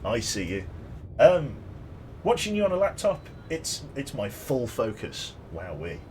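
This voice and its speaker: His mid-range voice has a darkish tone and huge pitch swings, and he speaks a little slowly. The young man rambles through casual live-stream chat while gaming, reading viewer messages aloud and joking, with a faint hiss or hum present.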